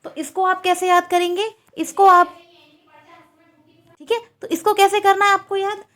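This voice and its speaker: A woman's voice: very high voice, flat delivery, moderate pace, fairly bright tone. A woman teaching a Sanskrit exam-prep lecture, asking questions and repeating the answers.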